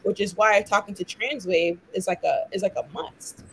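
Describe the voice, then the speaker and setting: A young woman, born in London and raised in Miami, speaks passionately as a guest and activist in a conversational discussion, sprinkling in "like" and "right?". Her medium-pitched, fairly bright voice has fairly even intonation and normal speed. The low-quality recording carries slight background noise.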